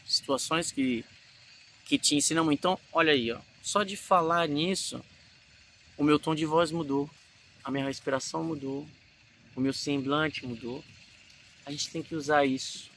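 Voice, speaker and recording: A man from Brazil with a Brazilian Portuguese accent, giving a casual acting lesson in an animated way and showing emotions as he talks. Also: a little high, normal speed, long pauses, a little hiss or hum. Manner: animated, demonstrates emotions mid-talk. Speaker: acting teacher.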